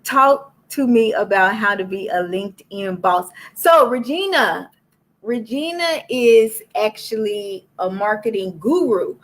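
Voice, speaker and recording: A woman from Florida hosts a live-streamed book club, chatting directly with her viewers through a laptop or phone mic. Her voice is mid-range and a little slow.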